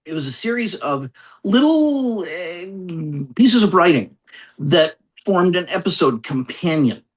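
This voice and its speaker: A man with a high, sing-song voice speaks as a guest author in a conversational interview, reflective and halting, and he often circles back to repeat phrases.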